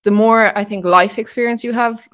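A woman's voice: on the high side, steady tone, normal speed, fairly bright tone, dull audio. A woman in her late twenties with a Kerry accent from the south-west of Ireland, chatting casually as a podcast guest. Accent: Kerry, south-west Irish. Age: late 20s. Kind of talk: casual conversational interview.

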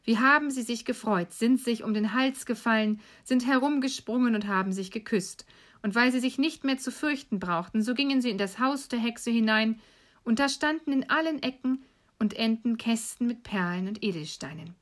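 A woman calmly and evenly reading a fairy tale aloud as a storyteller. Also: fairly high pitch, normal speed.

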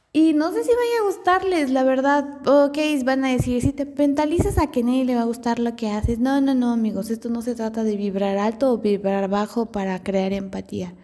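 A woman's voice: on the high side, dark tone, long reverb tail. A woman hosting her own podcast in a chatty, self-deprecating monologue, thinking aloud with fillers. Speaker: podcast host. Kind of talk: casual solo podcast monologue.

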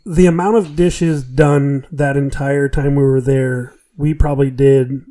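A man's voice: mid-range voice, steady tone, unhurried, mellow. A man hosting a casual podcast, joking and laughing as he tells stories. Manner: jokey, laughing between phrases.

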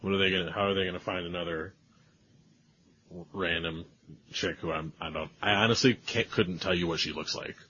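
A man's voice: deep voice, fairly even intonation, brisk, pushed and bright, slight background noise. A man co-hosting a podcast in laid-back casual chat, often briefly agreeing. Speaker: podcast co-host. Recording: slightly dull, lo-fi sound.

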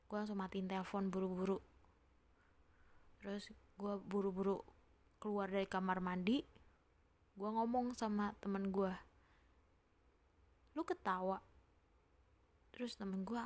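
A young woman telling a personal horror story, sometimes dropping to a whisper and rushing ahead when excited. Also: mid-range voice. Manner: drops to hushed whispers for suspense, speeds up when excited. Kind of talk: casual spoken horror story.

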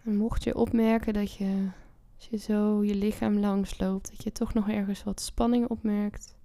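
A woman leading a guided relaxation meditation, speaking softly and soothingly with long pauses and drifting into whispers. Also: medium pitch, level tone, no room sound.

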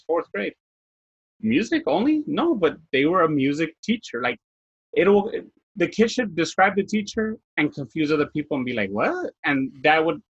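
Husky man on a dull, dry line. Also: a little high, fairly bright tone, no room sound. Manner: earnest, reflective, with filler-heavy restarts. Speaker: guest educator. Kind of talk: casual interview.

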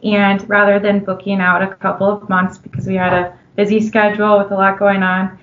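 A woman with a Minnesotan accent talks as a guest in a relaxed interview, friendly and upbeat. Her voice sits at an everyday middle pitch. The sound is dull and lo-fi. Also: a little fast. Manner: friendly, upbeat, laughs easily. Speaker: customer analyst guest. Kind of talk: casual conversational interview.

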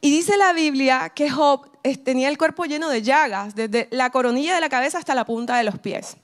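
Woman, sermon, earnest personal storytelling, high pitch. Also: a little fast. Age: adult with a ten-year-old son. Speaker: preacher.

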